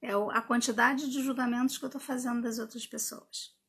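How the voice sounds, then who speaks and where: A woman's voice: a little high, fairly even intonation, fairly quick, fairly bright tone, husky. A woman coach giving a casual live talk. She explains with rhetorical questions and tag questions, and acts out her own inner dialogue. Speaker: personal development coach. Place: indoor room with a window.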